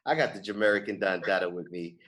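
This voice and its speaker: A New York man in his thirties hosts a podcast, speaking fairly quickly in a deep, slightly bright voice. He chats casually and effusively with lots of slang, interview-style.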